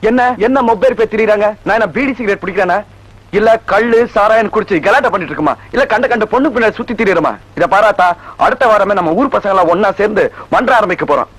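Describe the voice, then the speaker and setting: An actor playing a cheeky young village man who talks back quickly in a comedy film. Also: high-pitched, expressive, fairly bright tone, poor audio. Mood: defiant. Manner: quick, cheeky, defiant retorts. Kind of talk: Tamil film comedy acting.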